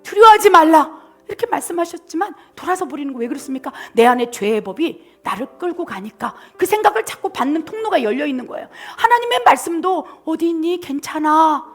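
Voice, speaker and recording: A middle-aged woman missionary pastor preaching a passionate sermon, swinging from loud appeals down to soft whispers. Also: sits high, sing-song, fast, few pauses, faint music behind.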